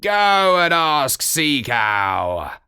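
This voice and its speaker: Old bull walrus for a storybook , voiced by a man: pompous, drowsy, very slow. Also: a little high, very animated, bright, forceful tone, clear, resonant tone, pitched above the performer's own voice, full character voice. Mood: grumpy.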